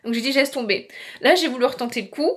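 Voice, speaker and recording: A chatty young woman with a slightly high voice, rambling casually to camera in a book vlog. She talks loosely, with lots of fillers and restarts. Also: quick pace. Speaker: book vlogger.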